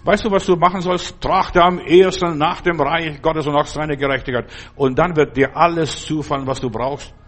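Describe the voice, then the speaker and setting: A man's voice: a little high, fairly even intonation, normal speed, fairly bright tone. An older man giving an earnest sermon, exhorting his listeners and addressing them directly. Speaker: preacher.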